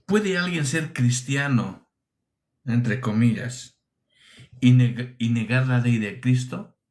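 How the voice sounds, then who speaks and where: Slow, emphatic preacher man. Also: medium pitch, darkish tone. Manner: emphatic, with rhetorical questions and repeated phrases. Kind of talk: sermon teaching.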